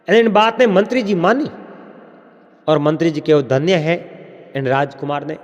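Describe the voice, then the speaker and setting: A man with a Marwari accent narrating a folk tale in an unhurried storytelling manner, slipping into quoted characters. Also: on the high side. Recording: dull lo-fi with long reverb.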